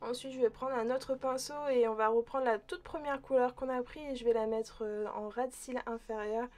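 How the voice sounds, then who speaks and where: A woman narrating a casual makeup tutorial in a chatty, relaxed way, pausing with small hesitations and speaking to her viewers like friends. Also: fairly high pitch, soft background music. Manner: addresses viewers directly as friends. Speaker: beauty vlogger.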